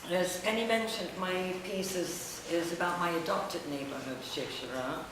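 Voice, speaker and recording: A middle-aged woman, a writer and editor, presents her own essay in a semi-improvised public talk, her voice lowish, halting and reflective with long pauses. The recording is very echoey, distant and noisy, made in an indoor room at a public event.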